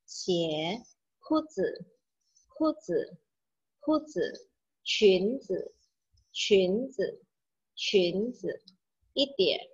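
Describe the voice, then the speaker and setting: A woman's voice: mid-range voice, a bit bright. A woman teaching an online language class, explaining each word patiently and repeating drill words three times. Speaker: Mandarin teacher. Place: home, online video class. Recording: slightly dull lo-fi audio.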